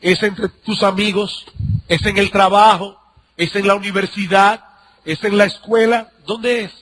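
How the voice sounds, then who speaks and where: A pastor preaching a sermon, asking the congregation questions and repeating key lines. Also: male voice, sits high, flat delivery, unhurried, a bit bright. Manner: preaching with rhetorical questions and repetition.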